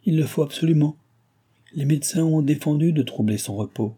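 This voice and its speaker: A man's voice: on the high side, fairly quick, mellow, slightly rough, pitched above the performer's own voice. A man voicing a firm woman servant who insists that a visitor leave the sickroom.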